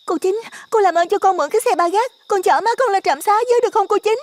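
Man in falsetto as a frantic young village woman. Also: fast. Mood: pleading. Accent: Southern Vietnamese. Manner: high falsetto, pleading and tearful.

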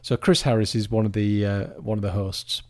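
A man's voice: fairly low pitch, fairly even intonation, fairly quick, no echo, clean studio sound. A man co-hosting a podcast, rambling and chatty, often restarting his sentences. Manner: rambling, chatty, self-interrupting. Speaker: podcast co-host. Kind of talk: casual chat.

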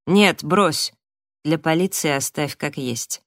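An audiobook reader voicing a young woman who is frightened and angry, breaking into sharp, rising outbursts. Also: deep voice, takes it slowly, no echo, studio quality, heavily acted. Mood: bitter.

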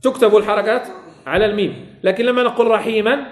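A man's voice: high voice, fairly even intonation, fast talker, reverberant. A man teaching a classroom lesson on Quran recitation rules, repeating key phrases and quizzing his students.

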